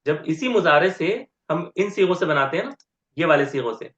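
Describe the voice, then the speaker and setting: A man teaching Arabic grammar step by step in an online lecture, repeating word forms slowly and often checking with "ठीक है?". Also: a little high, lively intonation, fairly bright tone. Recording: roomy, dull lo-fi sound.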